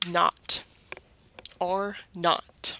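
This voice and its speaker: A woman's voice: fairly low pitch, flat delivery, very slow, background noise. A woman with a Southern US accent teaching a children's reading lesson, patiently asking questions and answering them herself.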